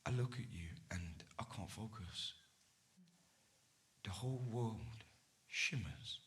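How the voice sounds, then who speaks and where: An actor playing an ardent male poet on stage, pouring out love in hushed, intimate tones that swell to fervor. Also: on the low side, lively intonation, takes it slowly. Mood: earnest, hushed. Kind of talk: staged theatre performance.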